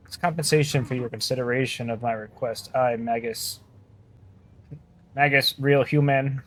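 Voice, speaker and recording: A man voicing a stiff robotic male tech-priest with a muffled, gurgling mechanical voice, speaking in a flat, formal, clipped way. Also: mid-range voice, natural voice.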